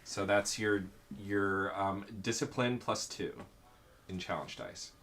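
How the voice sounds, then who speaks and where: A man's voice: fairly low pitch, takes it slowly, fairly bright tone. A man running a tabletop role-playing game as game master, talking casually and repeating words while he improvises.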